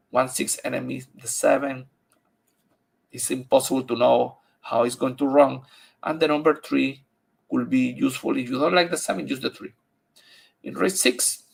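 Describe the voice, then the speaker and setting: Male handicapper, native Spanish speaker with Spanish accent. Heavy fry and husky tone, halting but emphatic delivery of race picks. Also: medium pitch. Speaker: horse racing handicapper. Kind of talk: unscripted race-by-race picks commentary.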